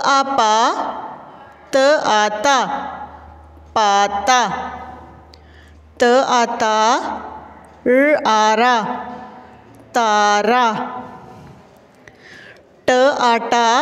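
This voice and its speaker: Pakistani urdu-accented lady teacher drawing out letter sounds reeeal slow, kinda high voice, big echoey room. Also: a bit bright. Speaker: school teacher. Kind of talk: online lesson for young children. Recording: echoey room with long reverb.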